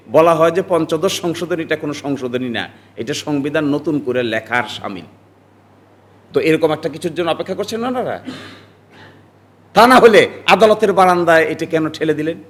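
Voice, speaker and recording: A man in his forties, a lawyer from Bangladesh, giving emphatic political commentary that rises into forceful outbursts. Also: on the high side.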